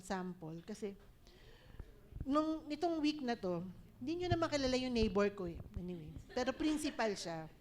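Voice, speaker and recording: A woman pastor with a Filipino accent delivers a lively sermon full of laughter, slipping English into her speech. Her voice sits on the high side, with a faint hiss or hum in the recording.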